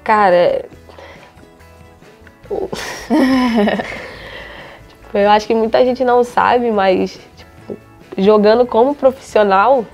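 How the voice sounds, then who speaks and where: A woman's voice: fairly high pitch, slow, long pauses, a little mellow, faint music behind. A young Brazilian woman footballer in a casual interview, telling stories and acting out the dialogue she quotes. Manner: chatty storytelling, acts out quoted dialogue.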